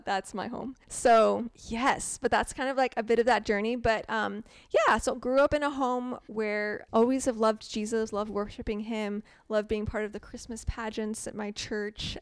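A young woman guest, chatty and quick to laugh, telling her life story in a casual interview. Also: fairly high pitch, clean tone, dry recording, clean studio sound. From grew up in Morocco and Ontario. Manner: chatty, laughs easily, many ums. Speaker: podcast guest, artist.

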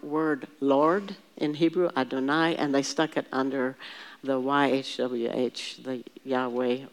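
A woman teaching a Bible study group, patiently explaining words one at a time and having the class repeat them, often restarting her sentences as she thinks aloud. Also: extremely low pitch.

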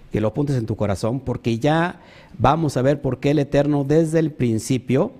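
A man teaching a sermon, stressing points emphatically, often calling out to the congregation and pausing with fillers as he searches for words. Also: mid-range voice, mellow. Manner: emphatic, repeats "ojo" and "amén", talks to the congregation. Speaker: preacher.

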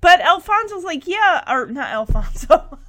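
Woman, high voice, unhurried delivery, chatty episode recap, quotes characters. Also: big pitch swings, music in the background. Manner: chatty, acts out lines with "like" quotes. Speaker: podcast host recapping a sitcom episode. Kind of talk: casual recap chat.

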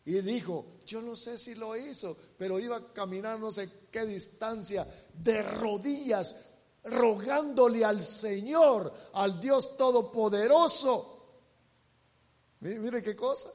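A man's voice: extremely high pitch, big-room sound. A male preacher delivering a sermon, emphatic and repetitive, urging his listeners again and again to look. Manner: emphatic, repeats "look, look" to the congregation.

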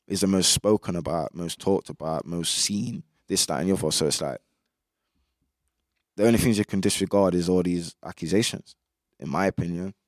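A man's voice: low-pitched, moderate pace, no echo, studio quality. A young man with a British urban roadman accent, giving his opinions in casual interview chat full of street slang. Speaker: music artist being interviewed.

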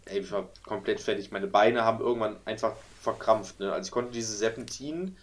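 A man's voice: on the low side, a little fast. A man from Germany telling a story in a casual podcast chat, acting out the voices in it. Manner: animated, acts out voices in his stories.

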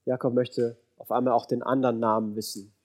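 A man preaching a sermon, repeating phrases for emphasis and dropping low and soft when he quotes biblical figures. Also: level tone, fairly quick. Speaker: pastor.

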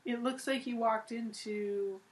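A woman's voice: a little high, steady tone, measured pace, a crowd in the background. Chatty young woman telling a story. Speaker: podcast co-host. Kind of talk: casual chat.

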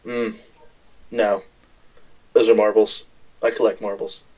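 A man's voice: fairly low pitch, little pitch movement, takes it slowly, darkish tone, lo-fi sound. A man playing a tabletop game, casually talking in character with dry, playful joking. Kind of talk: casual in-character role-play. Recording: distant from the mic.

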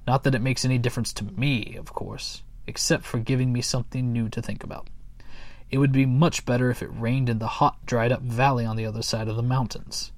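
A man's voice: medium pitch, steady tone, brisk, a little mellow, dry recording, lightly acted. A man voicing a gloomy, pompous old male muskrat who fancies himself a philosopher, speaking in a lofty, dismissive way. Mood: ponderous.

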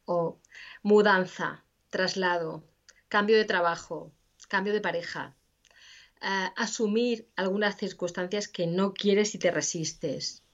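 Woman, interview guest, expressive explainer, slightly muffled recording. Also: medium pitch, slow. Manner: animated, acts out quoted inner voices. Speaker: interview guest, grief specialist. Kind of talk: conversational explanation.

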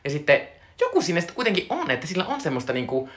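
A man with a bright, sharp voice that swings widely in pitch chats casually as a podcast co-host. He muses hesitantly and often restarts his words. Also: wildly swooping pitch. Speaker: podcast co-host discussing a film. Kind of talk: casual chat.

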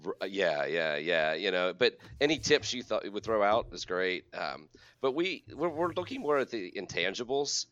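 A man's voice: fairly low pitch, very animated, moderate pace, a bit bright, muffled recording. A man co-hosting a podcast in a casual, upbeat and joking way. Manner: upbeat, jokey. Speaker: podcast co-host.

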